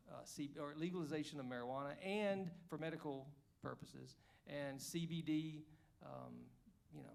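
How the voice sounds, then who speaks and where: Speaking at an indoor evening forum, a Georgia man in his fifties running for Congress jokes and chats through his speech, drifting into rambling asides. His voice sits on the high side, with some vocal fry.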